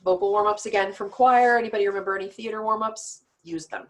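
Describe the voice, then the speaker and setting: A woman's voice: mid-range voice, fairly even intonation, fast. A woman teaching an online storytelling class in a chatty, practical way, with self-deprecating asides.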